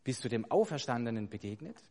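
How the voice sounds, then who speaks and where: A man preaching a sermon, emphatic and building to loud stressed points, putting rhetorical questions to his congregation. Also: mid-range voice, lively intonation, fast talker. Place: church hall. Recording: long hall reverb.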